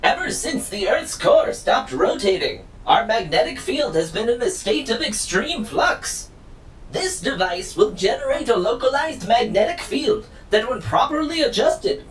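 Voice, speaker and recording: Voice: sing-song, normal speed, natural voice. An actor voicing a glitchy weather-forecasting robot that talks in stiff formal phrases and stutters when it malfunctions. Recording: distant mic, faint rumble.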